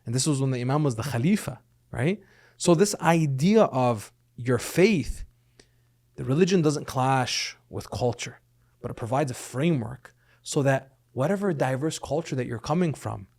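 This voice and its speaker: Animated and creaky, with a mid-range voice, a darkish tone and normal speed, the middle-aged man speaks as a podcast guest. Having grown up in Lebanon and the US, he explains his points earnestly and often adds "right?".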